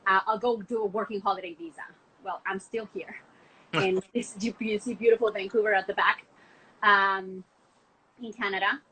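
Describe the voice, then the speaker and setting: A young woman from Argentina talks enthusiastically about wine in a loose, chatty way, leaning on "like" as she goes. Her voice is bright and forward. A faint background hiss runs under the video call. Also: mid-range voice, fairly even intonation, moderate pace, poor audio. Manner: enthusiastic, chatty, many "like" fillers. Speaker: wine export manager, guest. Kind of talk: casual podcast conversation. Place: home, from a window view of the city.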